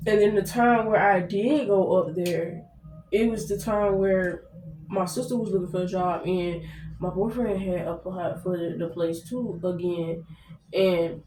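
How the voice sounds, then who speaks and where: A woman's voice: on the low side, a little slow, darkish tone. A young American woman telling a story casually to viewers, blunt and slangy, swearing heavily. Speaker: vlogger. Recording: roomy echo, distant mic, faint noise.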